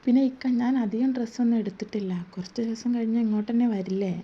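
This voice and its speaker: A woman voicing a gentle young wife who speaks softly and pleadingly, in a dull lo-fi recording. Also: fairly high pitch, steady tone, quick pace, breathy edge. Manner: soft, pleading.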